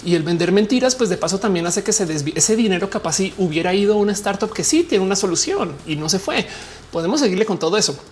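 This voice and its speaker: A woman with a Mexican accent and a low voice, chatting casually to her viewers in a slangy, rambling way full of fillers. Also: lively intonation, fast talker, a little mellow, slight background noise.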